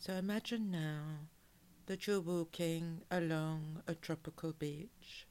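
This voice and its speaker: Low, slow, soothing woman guiding relaxation. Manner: calm, measured, soothing, with drawn-out phrases. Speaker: relaxation hypnosis guide. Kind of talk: guided relaxation hypnosis, soothing scripted narration.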